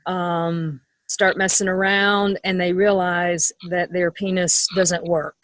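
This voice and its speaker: A woman's voice: on the low side, flat delivery, takes it slowly, fairly bright tone, no room sound, rough recording. A middle-aged woman speaking as a sex educator in an interview, frank and matter-of-fact, with frequent ums. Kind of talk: interview conversation.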